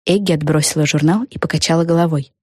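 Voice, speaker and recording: A woman narrating a children's audiobook in a lively, expressive reading. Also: low voice, fast talker, slightly rough, no echo, clean studio sound. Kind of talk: scripted storybook narration.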